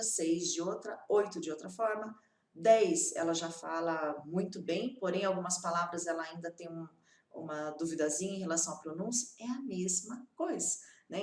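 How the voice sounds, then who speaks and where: A woman teaching in a lively, emphatic way, often checking in with her students with short tag questions. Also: medium pitch, reverberant, recorded from a distance. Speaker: English teacher. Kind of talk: teaching video, direct address.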